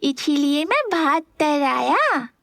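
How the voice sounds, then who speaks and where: A woman voicing a small eager boy who talks slowly in a high childlike way. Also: sing-song, vocal fry, fairly bright tone, dry recording, clean studio sound, exaggerated voice. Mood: excited.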